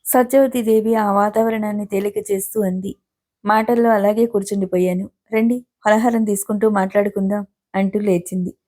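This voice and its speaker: Mellow-voiced woman reading a novel. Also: medium pitch, normal speed. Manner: even storytelling, softly voicing each character's lines. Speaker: narrator.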